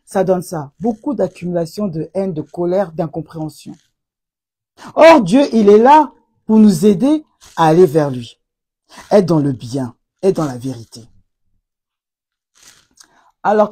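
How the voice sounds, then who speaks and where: A woman hosting a live stream, speaking in a preachy, impassioned way about faith and couples, bursting into loud exclamations. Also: medium pitch, husky. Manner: preachy, rises to loud exclamations and repeats "aïe". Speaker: live stream host answering viewer comments.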